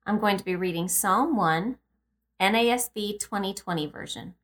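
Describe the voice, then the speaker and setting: A woman hosting a devotional podcast, guiding meditation and reading scripture in a calm, unhurried, gently instructing way. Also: mid-range voice. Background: music behind the voice.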